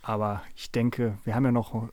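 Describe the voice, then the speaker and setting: A man reading a children's story aloud in a calm, steady way, then chatting as podcast host. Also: medium pitch, normal speed, no echo.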